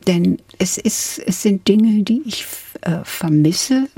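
Older lady guest on radio, gravelly low-warm voice, reflective, dry studio sound. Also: expressive, no echo. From England. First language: English. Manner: reflective, measured storytelling. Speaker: guest, literary scholar. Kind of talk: radio interview conversation.

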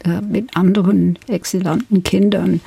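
Older lady guest on radio, gravelly low-warm voice, reflective, dry studio sound. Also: steady tone, dry recording. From England. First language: English. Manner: reflective, measured storytelling. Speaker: guest, literary scholar. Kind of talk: radio interview conversation.

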